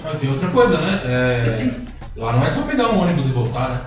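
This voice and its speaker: A man hosts a casual chat in a middle pitch, reacting with short exclamations. He sits away from the microphone in a very echoey room with faint music behind. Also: very animated, a little fast. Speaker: host. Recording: echoey room, voice far from mic.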